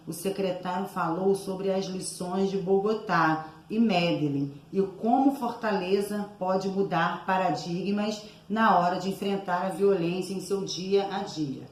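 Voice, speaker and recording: A woman's voice: lowish voice, darkish tone, echoey room, slight background noise, poor audio. A woman teacher going through exercise answers aloud for her class, explaining each item and often checking in with her listeners. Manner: explanatory, frequent tag words asking for agreement.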